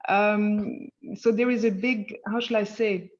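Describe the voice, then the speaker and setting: Woman author, candid storyteller on a lo-fi video call, mid-pitched, talks with fillers. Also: fairly even intonation, measured pace, a little mellow. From Palestine. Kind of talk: virtual book event conversation. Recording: dull lo-fi video call audio.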